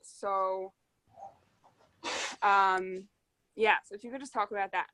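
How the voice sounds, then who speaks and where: A woman's voice: mid-range voice, fairly even intonation, slow pace, pushed and bright, dry recording. A woman co-host, hesitant with many fillers, reading out listener questions.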